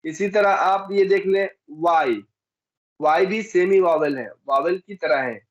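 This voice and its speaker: A man from India teaching an English lesson, who repeats example words slowly and asks and then answers his own questions. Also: sits high, dull audio. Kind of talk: classroom lesson.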